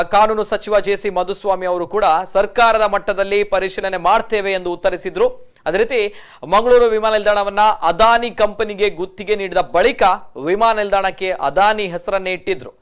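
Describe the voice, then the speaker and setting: A man's voice: sits high, a bit bright, clear, resonant tone. A man reporting the news and interviewing a caller by phone, in a formal manner that repeats set phrases.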